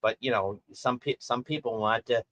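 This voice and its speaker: A man's voice: medium pitch, moderate pace, a bit bright, no room sound. A man talking in a casual, rambling rant, full of fillers and restarts, as he reviews a film.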